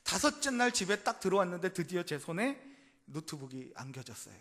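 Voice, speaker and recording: A man preaching a sermon as pastor, dramatic, acting out quotes with big swings in loudness and asking the congregation questions. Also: sits high, very animated, brisk.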